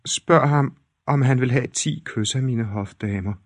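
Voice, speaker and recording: A man voicing a spoiled, vain young princess in a storybook reading, high and haughty. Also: no room sound, studio quality, lightly acted.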